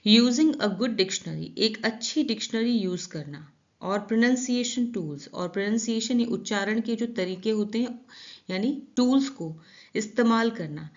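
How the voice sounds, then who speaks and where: A woman teaching vocabulary in Hindi, reading sentences slowly and explaining each word with repeated translations. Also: fairly high pitch. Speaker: English teacher. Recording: dull lo-fi recording.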